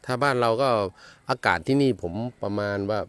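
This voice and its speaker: A man's voice: medium pitch, brisk, fairly bright tone, smooth, no room sound. A man from Thailand talking casually as a travel vlogger outdoors in a village, polite and rambling with many hesitations. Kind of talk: casual travel vlog narration.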